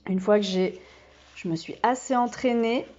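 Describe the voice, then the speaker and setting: A woman who teaches kindergarten, giving a slow and patient step-by-step demonstration full of small fillers. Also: fairly high pitch, a little mellow, highs cut off, slight background noise.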